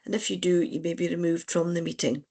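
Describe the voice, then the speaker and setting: Convener with a gravelly voice. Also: mid-range voice, steady tone, darkish tone. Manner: procedural, measured, polite. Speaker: licensing board convener. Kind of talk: formal meeting chairing.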